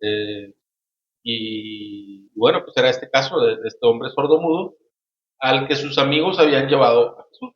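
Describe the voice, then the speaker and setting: A man hosting a casual Bible study discussion, speaking haltingly with many restarts and frequent tag questions. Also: mid-range voice. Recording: roomy, dull lo-fi sound.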